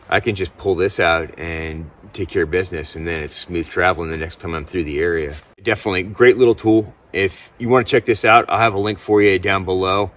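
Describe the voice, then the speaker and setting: Outdoors in snowy woods, a middle-aged man gives a relaxed, informal gear review to the camera, full of enthusiastic slang. His voice is low-pitched with a slightly bright quality.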